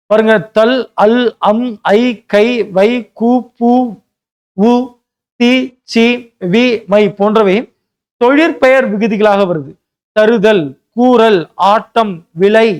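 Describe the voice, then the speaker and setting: A male teacher giving a Tamil grammar lesson for an exam, explaining step by step, mixing in English words and often checking in with "right?". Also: sits high. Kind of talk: classroom lecture.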